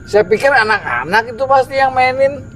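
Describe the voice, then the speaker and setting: An actor playing a dismissive school official who keeps waving away warnings, recorded with a noisy background. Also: male voice, very high voice, expressive, moderate pace, a bit bright. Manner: dismissive, brushing off worries. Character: stubborn skeptical school official, middle-aged man. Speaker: man expecting to be headmaster. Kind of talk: horror film acting. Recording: noisy outdoor ambience.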